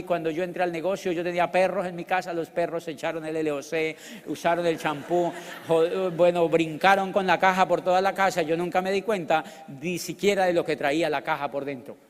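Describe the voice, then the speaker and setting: Middle-aged Colombian man, high-pitched, animated, joking motivational speaker in a reverberant hall. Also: a little fast. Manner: animated, joking, bursts into loud exclamations. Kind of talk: storytelling business talk.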